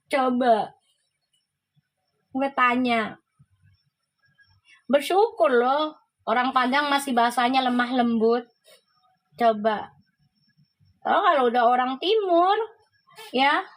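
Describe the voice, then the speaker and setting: Woman, livestream host, high voice, casual chat, reacts to comments, laughs often. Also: a bit bright, rough recording.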